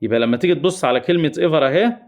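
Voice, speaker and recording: A man's voice: a little high, lively intonation, very fast. Egyptian man teaching a grammar lesson. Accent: Egyptian Arabic. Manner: repetitive, addresses students as heroes and dears. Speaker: English teacher. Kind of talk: exam-prep grammar lesson.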